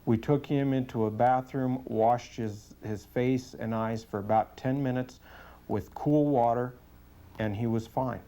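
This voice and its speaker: A man with a medium-pitched voice gives testimony as a police sergeant. He speaks in an earnest, deliberate way, answering interview questions plainly and matter-of-factly. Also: steady tone, dark tone.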